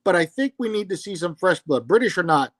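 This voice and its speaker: A man's voice: high-pitched, lively intonation, a little fast, a bit bright, dry recording. A man co-hosting a casual fan chat, opinionated and emphatic as he talks about comics and casting. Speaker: podcast co-host.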